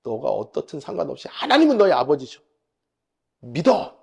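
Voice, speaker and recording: A man acting out his stern pastor father scolding his son in a gruff, firm voice. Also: on the high side, wildly swooping pitch, moderate pace, exaggerated voice.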